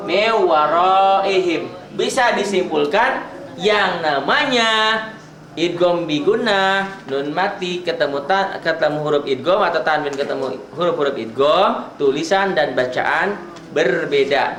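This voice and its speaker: A man teaching a Quran recitation class, patiently repeating each example and drawing out the recited phrases. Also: high voice. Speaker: tajwid teacher. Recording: roomy echo.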